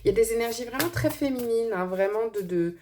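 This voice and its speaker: A woman's voice: on the high side, animated, fast, warm tone, slight background noise. A woman with a slight lisp on her s sounds, giving an informal card reading and thinking aloud in a hesitant way. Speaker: tarot and angel card reader.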